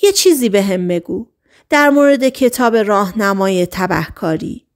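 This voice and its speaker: A woman's voice: mid-range voice, animated, lightly acted. A woman voicing a weary middle-aged male journalist in a storybook reading, in a plain conversational way.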